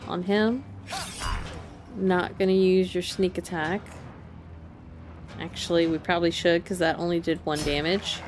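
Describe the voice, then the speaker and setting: Chatty woman streamer, slow and low. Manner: chatty, laughs often, thinks aloud. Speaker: streamer playing a video game. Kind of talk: casual live gameplay commentary.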